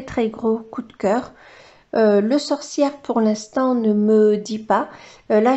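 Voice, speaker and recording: A woman's voice: fairly high pitch, mellow, dull audio. A woman vlogger chatting casually while she colors, hesitant and full of filler sounds, now and then cooing to her dog in baby talk. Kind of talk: casual coloring vlog chat.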